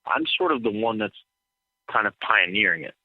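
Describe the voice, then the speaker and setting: Brief: lowish man, guest DJ, rambles and restarts, tinny phone-line sound, dry. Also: moderate pace, dry recording. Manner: rambling, repeats words, lots of fillers. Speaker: guest DJ and entrepreneur. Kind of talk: casual podcast interview. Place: in Atlanta.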